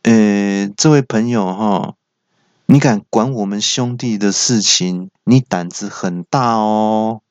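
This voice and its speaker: A man's voice: on the low side, slow pace, darkish tone, smooth, dry recording. A man voicing a smug male gangster, drawling and mock-polite, on a dull lo-fi recording. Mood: menacing. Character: slow, smug male gangster, second brother.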